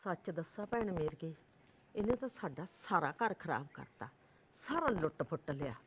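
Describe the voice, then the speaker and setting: A woman's voice: expressive, moderate pace, a little hiss or hum. An actress with a Punjabi accent playing an older mother who complains about her son's girlfriend in an exasperated way. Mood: complaining. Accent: Punjabi (Malwa). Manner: complaining, exasperated, rising pitch. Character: grumbling older mother of a son, fed up with his girlfriend. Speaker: actor in a short film.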